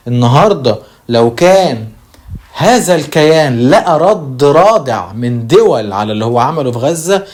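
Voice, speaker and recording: A man with an Egyptian Arabic accent hosting a channel, giving emphatic commentary on news quotes and slowing down to stress key words. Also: mid-range voice, a little mellow. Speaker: channel host.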